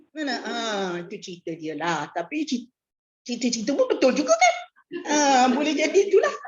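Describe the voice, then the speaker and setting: A woman's voice: sits high, darkish tone. A woman religious teacher gives a casual hadith lesson, chatty and joking, with repeated fillers. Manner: chatty, repeats "nak, nak" as filler, jokes and laughs. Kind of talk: casual hadith class lecture. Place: prayer hall class. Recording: dull lo-fi recording.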